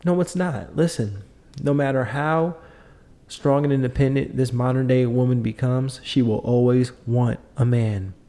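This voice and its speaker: Middle-aged male podcast host; mid-pitched, warm dark timbre; emphatic, repetitive, lecturing delivery. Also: measured pace. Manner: emphatic, lecturing, repeats points. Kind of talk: opinionated monologue.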